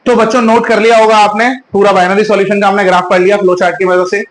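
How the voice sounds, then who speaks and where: A man with a fairly high voice teaches chemistry in an echoey room, mixing terms his talk. He poses questions to the class and answers them himself. He draws out key terms slowly, as if dictating notes. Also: little pitch movement, slight background noise. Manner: asks questions and answers them himself, calls students "beta"; drawn-out, slow spelling of key terms. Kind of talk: online class lecture.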